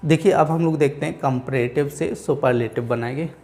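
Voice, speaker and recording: Speaking at a medium, slightly mellow pitch, this Indian-accented teacher, a Hindi speaker, explains English grammar to a Hindi-language class. Example sentences come out slowly, one word at a time, and he keeps saying "theek hai" and "aap log dhyan rakhen."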